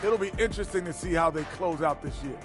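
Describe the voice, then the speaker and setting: A man giving measured, reflective basketball analysis as a studio pundit. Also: a little high, over music, natural voice. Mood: thoughtful.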